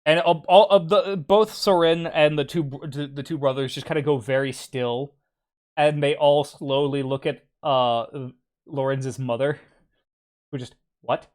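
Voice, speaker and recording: A man's voice: fairly high pitch, steady tone, a little slow, a little mellow. A man narrating a tabletop game as game master, hesitant and full of fillers.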